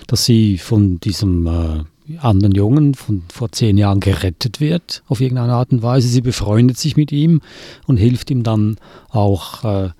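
A man's voice: mid-range voice, warm tone, slightly rough, no echo, clean studio sound. A man chatting casually about a book, musing and guessing aloud. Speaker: podcast co-host.

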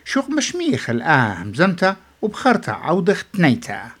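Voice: medium pitch, huge pitch swings, brisk, husky. A language teacher explaining short English phrases and cueing the listener to repeat them. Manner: explains then cues repetition.

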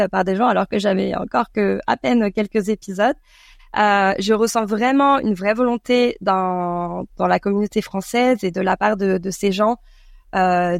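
A French woman who creates podcasts answers interview questions in a French accent, conversational and thoughtful, often pausing mid-sentence. Her voice is medium-pitched and creaky, recorded with studio quality and no echo.

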